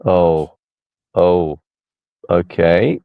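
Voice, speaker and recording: A man with a gravelly, fairly low voice hosts a live chat in a wry, reflective way. He teases his co-host lightly and muses aloud. The sound is dry and close. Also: steady tone, very slow, no echo, narrow, tinny audio. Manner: wry, reflective, gently teasing. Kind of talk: casual live-stream chat.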